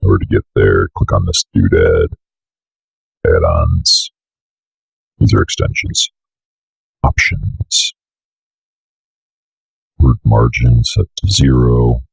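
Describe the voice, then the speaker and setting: Presenting a casual screen-recorded software tutorial, a young man with an extremely low, husky, fry-crackling voice walks through the steps, muttering asides. He has a slight cold and speaks slowly in a level tone with long pauses. He's recorded close and dry at a computer desk indoors.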